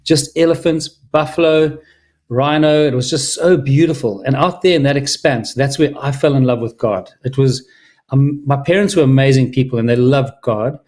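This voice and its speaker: A middle-aged man speaks, telling an audience about his passion for a film project. His voice sits at an ordinary middle pitch. He sounds eager and heartfelt, and he often restarts his sentences. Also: moderate pace, darkish tone. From Zimbabwe. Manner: enthusiastic, heartfelt, with many restarts. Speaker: filmmaker presenting his film. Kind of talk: earnest personal talk to an audience.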